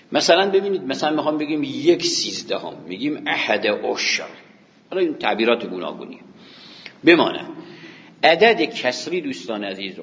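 A man's voice: mid-range voice, fairly bright tone. A man teaching a classroom lecture, patiently explaining and counting examples aloud for his students. His voice carries a long hall reverb, and the recording sounds dull and muffled. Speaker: teacher of Arabic grammar.

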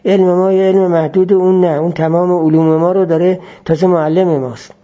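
A man teaching philosophy in a measured lecture style, repeating key phrases as he explains. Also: sits high, steady tone, dark tone, dull audio.

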